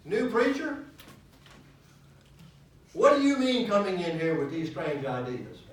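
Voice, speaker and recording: A man's voice: sits high, big pitch swings, unhurried, pitched above the performer's own voice. An outraged unclean spirit, put on by a man, barks at a newcomer in a raised, scolding voice. The sound is very echoey and roomy, picked up from across a church hall with a faint hiss behind it. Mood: indignant. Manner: loud, scolding, mock-outraged. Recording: echoey hall, mic at a distance.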